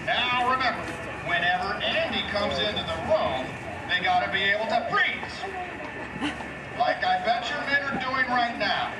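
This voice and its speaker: A man's voice: sits high, animated, moderate pace. A man voicing a friendly cowboy toy sheriff with a folksy drawl, heard over a walkie-talkie. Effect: heard over a walkie-talkie, played on park speakers. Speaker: prerecorded character voice in a live show. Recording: echoey outdoor loudspeaker from far off, loud ambient noise.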